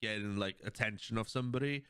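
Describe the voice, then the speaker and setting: A man hosting a podcast, chatting casually and retelling cartoon scenes in a rambling, animated way. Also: on the low side, quick pace, smooth, no room sound. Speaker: podcast host. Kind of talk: casual chat.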